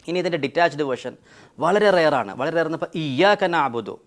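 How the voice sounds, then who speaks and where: A man's voice: fairly high pitch, animated, fairly quick. A man teaching Arabic grammar in a lesson, patiently explaining and reciting conjugations in drilled lists, mixing in English grammar terms.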